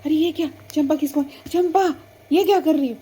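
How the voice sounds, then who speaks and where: A woman voicing an older village sister in a doll story, scolding loudly. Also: fairly high pitch, a little fast, a little hiss or hum, lightly acted. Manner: loud, scolding.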